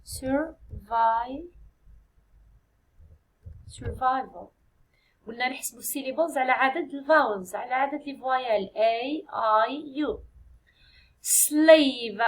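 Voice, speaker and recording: An Algerian woman teaching an English exam review, speaking slowly and deliberately, repeating key words and switching into Arabic to explain. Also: a little high, poor audio. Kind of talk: classroom exam review lesson.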